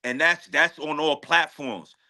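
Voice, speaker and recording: This male guest rapper has a fairly high, bright voice with a forceful edge, and he talks a little slowly. Chatting casually in an interview, he uses lots of slang, stays confident and emphatic, and often says the same phrases again.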